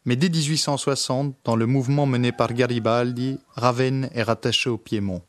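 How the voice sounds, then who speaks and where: A man reading documentary narration briskly and clearly. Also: medium pitch, fairly even intonation, no room sound. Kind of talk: scripted narration.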